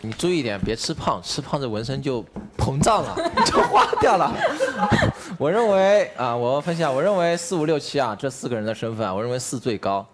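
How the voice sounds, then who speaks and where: A man's voice: mid-range voice, animated, quick pace, few pauses, heavy background noise. A man playing in a werewolf game show, joking then laying out his reasoning step by step. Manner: joking, lays out logic step by step. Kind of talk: game-table speech.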